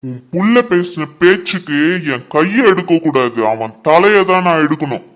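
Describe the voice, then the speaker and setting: A man plays an angry middle-aged father of the bride with a raised voice. He is loud and indignant, and his pitch sits high for a man. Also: animated, moderate pace.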